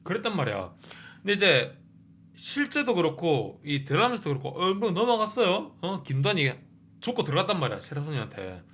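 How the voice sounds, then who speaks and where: A man hosting a review channel, chatting casually about a TV drama and excitedly tossing in little "huh?" asides. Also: fairly high pitch, fairly quick. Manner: excitable, keeps asking 응? and 어? mid-sentence.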